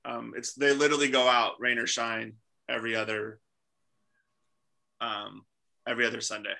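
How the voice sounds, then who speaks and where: Bright-voiced man, halting video-call talk. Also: mid-range voice, level tone, gravelly, poor audio. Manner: halting, many fillers. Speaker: ministry staff host. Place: small room indoors.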